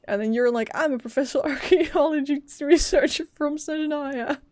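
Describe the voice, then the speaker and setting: A young woman streams a game, giving casual live commentary that is playful and teasing while game music plays behind her. Her voice sits high and a little mellow, at a moderate pace.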